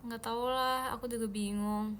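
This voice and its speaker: A young woman chats casually on a livestream and answers viewer comments. She sounds playful and giggly, and her voice is bright and forceful. It sits a bit high for a woman. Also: steady tone, moderate pace. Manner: playful and giggly, with many fillers. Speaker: idol livestream host.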